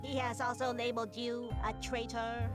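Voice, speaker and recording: A woman voicing a deadpan female robot cat fighter, with a robotic voice and flat, literal machine-like speech, over loud game music. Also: a little high, normal speed. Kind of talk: video game voice acting.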